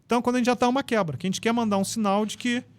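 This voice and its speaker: A Brazilian man explaining ideas in an animated, instructive way as a guest on a casual podcast. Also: very high voice, very fast, smooth. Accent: Brazilian Portuguese. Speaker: podcast guest, NLP trainer.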